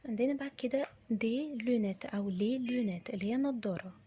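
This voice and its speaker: A woman's voice: a little high, warm tone, lo-fi sound, a little hiss or hum. Egyptian woman whispering French words. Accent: Egyptian Arabic. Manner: repeats words slowly, often drops to a whisper. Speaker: French teacher. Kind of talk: pronunciation lesson.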